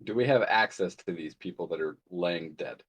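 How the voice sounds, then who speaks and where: A man playing a tabletop game, asking eager, quick questions in casual chat. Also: deep voice, slightly rough. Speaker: player. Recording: dull lo-fi mic.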